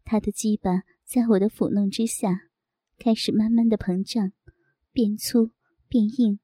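A woman narrating a first-person audio story in a soft, intimate, unhurried way. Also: medium pitch, steady tone, slightly rough, no room sound.

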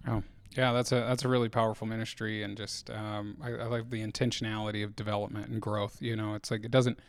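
Smooth-voiced interview host. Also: male voice, lowish voice, little pitch movement, fast. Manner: encouraging, asks open questions. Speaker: podcast host. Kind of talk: conversational interview.

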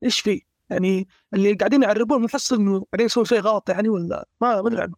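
A man's voice: sits high, rapid-fire, dry recording, studio quality. A man in a casual gaming discussion, blunt and emphatic as he complains.

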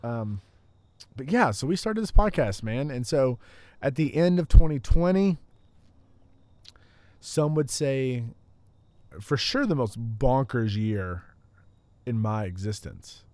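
A man's voice: mid-range voice, lively intonation, slow, long pauses, a little mellow, dry recording. Rambling man in his thirties, chatting. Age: 30s. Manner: rambling, laughing, self-deprecating. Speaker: podcast co-host. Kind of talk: casual chat.

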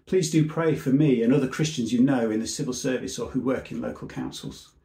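A man employed in the civil service talks through a seminar earnestly and at a measured pace, his phrases dwindling at the close. His medium-pitched voice is gravelly and mellow, heard in an echoey room.

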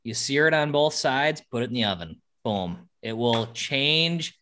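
A man's voice: medium pitch, lively intonation, unhurried, bright, forceful tone, a little hiss or hum. A man hosting a podcast in casual chat, upbeat and emphatic, introducing segments. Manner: upbeat, emphatic, punchy exclamations. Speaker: podcast host running segments.

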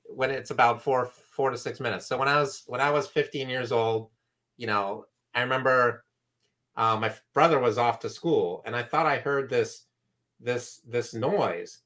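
A man's voice: medium pitch, normal speed, a bit bright. A man from San Francisco telling a story from his youth as a guest, acting out the other voices in it. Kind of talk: storytelling in a conversation.

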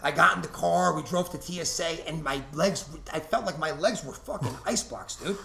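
A man's voice: a little high, normal speed, vocal fry, pushed and bright. A man in casual chat, blunt and slangy, swearing a lot. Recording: roomy room with faint noise.

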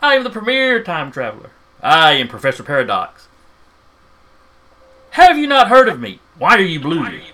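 A man's voice: a little high, huge pitch swings, normal speed, long pauses, bright, forceful tone, voice pushed up, heavily acted. A man voicing a vain, indignant mad scientist and time traveler in a tabletop game, declaiming pompously. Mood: pompous outrage.

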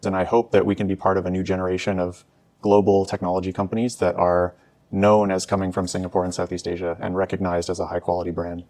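A man in his thirties from the area around Washington DC answers interview questions quickly in a deep, fairly flat voice. He explains things easily, restarting a word now and then. The sound is dry and close. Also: no room sound. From United States, near Washington DC. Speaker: startup co-founder and CEO. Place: exhibition space.

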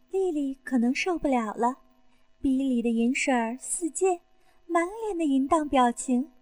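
A woman narrating an erotic audio story in the first person, intimate and breathy. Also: high voice, darkish tone, dry recording.

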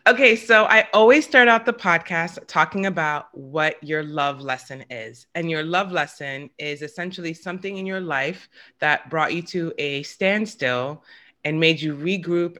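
A woman in her forties hosting a podcast, reading a scripted intro and then chatting with a bubbly, animated manner. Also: low-pitched. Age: 40s. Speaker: podcast host.

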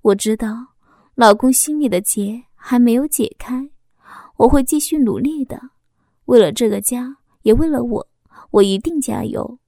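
A woman with a fairly high voice reads a first-person audio story aloud. Her delivery is soft, steady and unhurried, and the sound is dry and close, with no room echo. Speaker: narrator.

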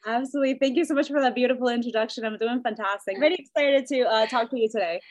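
A woman's voice: fairly high pitch, very fast. A woman in her thirties from Ecuador, a life coach telling her story as a podcast guest. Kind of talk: casual interview chat.

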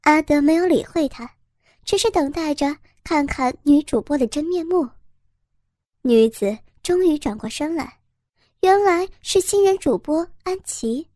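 A woman narrating a story in a steady, even storytelling voice. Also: high voice, a little slow, no echo. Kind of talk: scripted narration.

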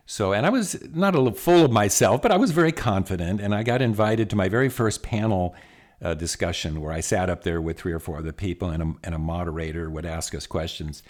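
A middle-aged man, an executive coach, telling stories in a lively, conversational way with frequent restarts and asides. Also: low-pitched, fast talker. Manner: animated, many restarts and asides. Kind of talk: conversational storytelling.

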